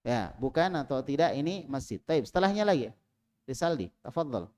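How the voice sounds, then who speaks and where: A man teaching an Arabic class in a small prayer room, calling on students and drilling them, with loud prompts and quiet asides. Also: medium pitch, sing-song, fairly quick.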